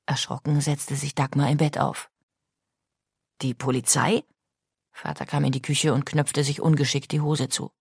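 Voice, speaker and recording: A woman's voice: low-pitched, little pitch movement, normal speed, hardly any pauses, darkish tone, husky, no room sound, clean studio sound. A woman reading a novel aloud as audiobook narration, raising her voice for the characters' lines. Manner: reads the characters' lines with raised voice.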